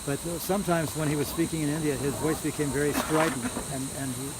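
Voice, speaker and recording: Loud hiss and chirping insects run through this outdoor-like recording of a religious lecturer reminiscing at a housewarming for a small live audience. His voice is on the high side, steady and fast, and he often repeats words while searching his memory.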